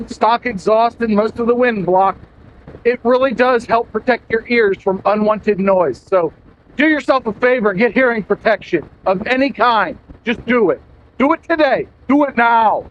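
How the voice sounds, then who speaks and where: A man talking loudly to camera while riding a motorcycle, raising his voice over the wind. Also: very high voice, moderate pace. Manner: loud, yelling over wind noise. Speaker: motorcycle vlogger. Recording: muffled sound with faint engine and wind noise.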